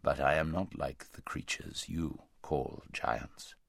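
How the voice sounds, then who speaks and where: A man reading aloud and voicing a huge male lion that speaks slowly, gravely and gently. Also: rumbling low, dry recording, clean studio sound, pitched below the performer's own voice, exaggerated voice. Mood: solemn. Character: huge, calm, deep-voiced male lion.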